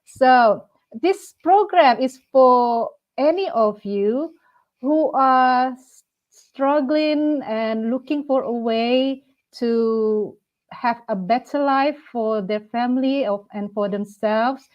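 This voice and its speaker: A woman in her forties, originally from Indonesia, hosts a live-streamed talk show in a fairly high voice. She talks with frequent hesitant fillers and restarts, and the stream audio sounds dull and lo-fi. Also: slow pace. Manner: hesitant, many fillers, speaks as a second-language speaker. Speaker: host of live talk program.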